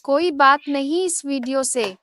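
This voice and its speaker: A woman's voice: high voice, unhurried, fairly bright tone. An actress playing a spoiled, jealous rich young woman in a dubbed drama, haughty and scheming.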